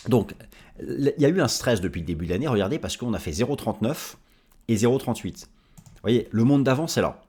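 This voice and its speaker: A man's voice: medium pitch, expressive, brisk, darkish tone, breathy edge. A man giving market commentary as an analyst, explaining charts and speaking directly to viewers.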